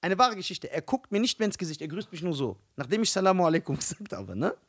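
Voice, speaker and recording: A young man with a high-pitched voice tells a story in casual podcast chat. His pitch leaps around as he imitates people and laughs at his own punchlines. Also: fast, husky. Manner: animated storytelling, mimics voices, laughs often. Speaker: podcast co-host.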